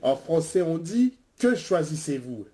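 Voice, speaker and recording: A man's voice: fairly high pitch, sing-song, measured pace, dark tone. A man voicing a pedantic male quiz contestant who corrects the host's grammar, in a toy-figure game show parody. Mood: cheeky. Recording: music bed behind voice.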